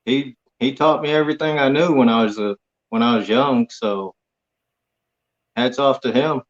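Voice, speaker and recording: A man's voice: medium pitch, normal speed. A man from Hawaii, a guest on a chat show, talking in a laid-back, plain-spoken way with short answers. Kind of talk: casual interview chat. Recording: dull lo-fi audio.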